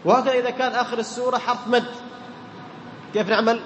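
A man with a notably high voice teaches Quran recitation to a class, asking his students questions and repeating each term for emphasis. He sounds set back from the mic in a large room, his words ringing out in a long reverb, with a faint hum of ambience behind. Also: little pitch movement, fairly bright tone. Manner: quizzes students and repeats key terms, chants the verse examples slowly.

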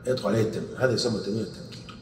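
A man teaching grammar in a lecture, asking questions and answering them himself, repeating quoted verses slowly. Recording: echoey hall, distant mic, faint rumble.

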